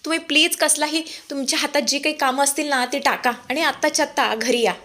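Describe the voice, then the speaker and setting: A worried young son urging the doctor to come, read by a woman narrator. The delivery is hurried and pleading, slightly high. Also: steady tone, sharp tone.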